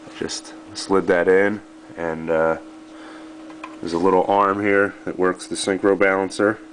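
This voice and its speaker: Low monotone guy walking thru his engine rebuild, lots of uhs, camera right up close in his garage workshop, faint noise behind. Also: measured pace, low-quality recording. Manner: unscripted, explains step by step with many "uh" and "um" fillers. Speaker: home mechanic demonstrating an engine rebuild. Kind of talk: off-the-cuff workshop tutorial. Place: home workshop, indoors.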